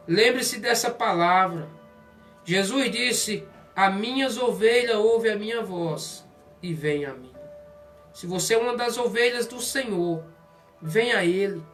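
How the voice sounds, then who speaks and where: A man's voice: high-pitched, a bit bright. A male pastor preaching a sermon, earnestly pleading with his listeners. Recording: distant mic, faint music behind.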